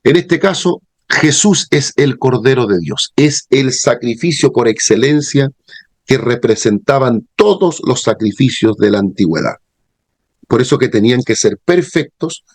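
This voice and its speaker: Male lecturer, measured classroom delivery, dry sound, mid pitch. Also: a little mellow, dry recording. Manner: explanatory, asks class checking questions. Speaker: theology professor.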